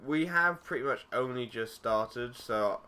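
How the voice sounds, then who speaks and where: With a clean, mid-range tone and lively intonation, a young man narrates a game a little slowly in casual let's-play style. This gaming YouTuber rambles in a relaxed way, often adding fillers and fixing his own words, over loud background noise and game clicks.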